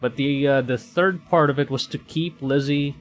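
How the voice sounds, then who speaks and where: With music playing behind him, a VTuber livestream host from the Philippines chats casually at normal speed in a mid-range voice. He sounds hesitant, frequently repeating himself and rewording what he just said.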